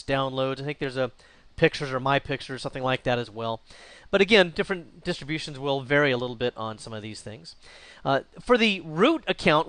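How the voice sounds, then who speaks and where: A man teaching a screen-recorded software tutorial, explaining at an easygoing pace while thinking aloud with small restarts. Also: a little high, no room sound. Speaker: instructor.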